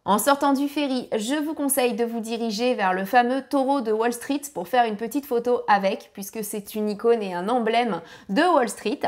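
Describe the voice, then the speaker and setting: Woman narrating a family travel guide. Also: on the high side. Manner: gives direct tips, apologizes for her English pronunciation.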